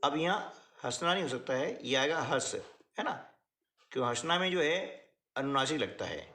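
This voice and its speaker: A man teaches a workbook lesson step by step, often checking in with the listener through short questions. His lively delivery rises and falls in pitch at normal speed, in a roomy-sounding space.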